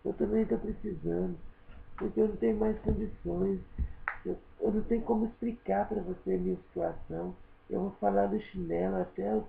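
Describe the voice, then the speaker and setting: A woman's voice: mid-range voice, steady tone, a little fast, creaky. A middle-aged woman with a Minas Gerais Brazilian accent, recording an emotional plea at home and repeating her phrases. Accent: Minas Gerais Brazilian Portuguese. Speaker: video appeal maker. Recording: tinny lo-fi home recording with faint noise.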